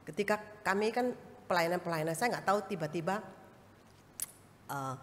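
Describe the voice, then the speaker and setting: A woman evangelist, preaching a sermon and telling a lively personal story. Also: fairly low pitch, moderate pace, slight background noise. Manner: animated storytelling, acts out voices and laughs. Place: large church hall. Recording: long reverb of a church hall.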